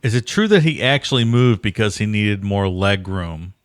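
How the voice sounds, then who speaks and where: A man co-hosting a podcast, joking around with quick interjections during casual banter. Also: on the low side, animated, dry recording, studio quality. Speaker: podcast co-host.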